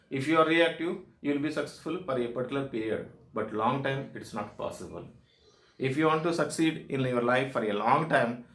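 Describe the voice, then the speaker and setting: In an echoey room, a man with a South Indian accent presents instructional material as a soft skills trainer. His voice sits in the mid range, and he drives points home with short, repeated, emphatic statements.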